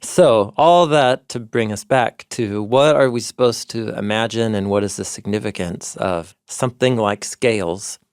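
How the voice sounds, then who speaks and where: A man co-hosting a podcast in an eager, scholarly way, digging into ancient sources. His voice has a gravelly creak and an average pitch. The studio sound is close and dry. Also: a little slow, hardly any pauses, no echo. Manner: enthusiastic scholarly explaining, citing ancient sources. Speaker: podcast co-host, Bible teacher. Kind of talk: explanatory podcast conversation.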